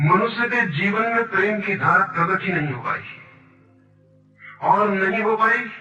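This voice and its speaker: A man's voice: a little high, bright, forceful tone, highs cut off. A man giving an emphatic, rhetorical spiritual discourse, building his points through repetition. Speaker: spiritual teacher. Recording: echoey, distant, with faint music.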